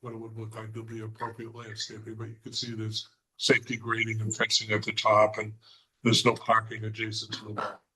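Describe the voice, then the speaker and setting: A man presenting a plan at a zoning hearing, hoarse and halting, with many fillers and frequent throat clearing. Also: on the low side, completely flat delivery, a crowd in the background, rough recording. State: hoarse, losing his voice. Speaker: applicant's representative. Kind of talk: presenting at a remote board hearing.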